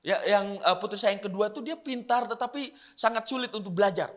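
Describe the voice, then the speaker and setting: A man's voice: sits high, a little fast. A man interpreting a sermon live, relaying each phrase promptly with small fillers.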